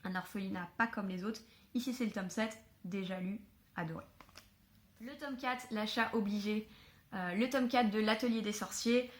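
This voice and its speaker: A woman chatting casually to camera at home about books she was given, filling pauses with hesitations. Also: medium pitch, steady tone. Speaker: book vlogger. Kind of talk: casual book haul chat.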